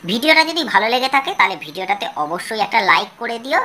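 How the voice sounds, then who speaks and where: Female teacher, bright and rather high voice, quizzing kids through a lesson. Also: sing-song, slight background noise. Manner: question-and-answer teaching, slow careful reading. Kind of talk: video lesson for children.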